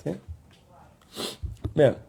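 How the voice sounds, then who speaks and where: A man's voice: drawn-out words, dark tone. A man teaching poetry, walking his students through a poem step by step and often asking them to look closely at what he points out. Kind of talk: explanatory lesson on a poem.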